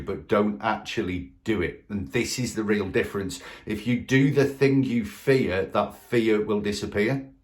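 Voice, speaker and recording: A man, a sales trainer, giving a punchy coaching talk straight to camera and asking the listener rhetorical questions. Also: mid-range voice.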